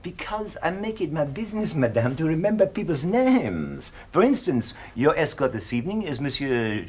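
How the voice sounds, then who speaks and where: An actor playing an inquisitive French casino manager with a put-on French accent, smooth and mock-polite in a 1970s TV whodunnit. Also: male voice, a little high, big pitch swings, moderate pace, a little mellow. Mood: polite probing.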